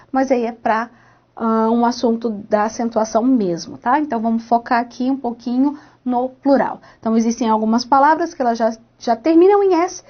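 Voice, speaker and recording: Woman, high voice, teacher, patient and encouraging, online lesson, dull lo-fi sound. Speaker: Spanish teacher. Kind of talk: online lesson explaining grammar exercises.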